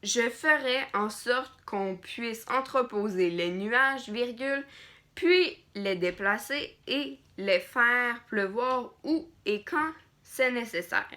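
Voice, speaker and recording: Bright-voiced woman dictating slowly. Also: fairly high pitch, animated. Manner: deliberate, repeats phrases and speaks punctuation aloud. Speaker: teacher. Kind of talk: dictating a school text phrase by phrase.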